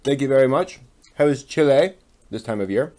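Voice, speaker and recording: This man hosts a relaxed hobby stream, building a model kit with his hands while chatting and talking to himself. His voice is medium-pitched, dark and expressive, and he speaks a little fast.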